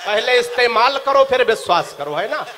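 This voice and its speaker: A man performing comic poetry on stage, bantering with the crowd and chanting his verses slowly. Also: very high-pitched, lively intonation, pushed and bright. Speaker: comic poet. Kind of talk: stand-up comic poetry at a live recital.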